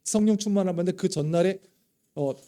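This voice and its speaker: A middle-aged male pastor preaching, his voice a touch high and warm in tone. He speaks conversationally to the congregation and slips into heated, dramatic readings of prayers. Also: fast. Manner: emotive, dramatizing quoted prayers with rising intensity. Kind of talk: sermon.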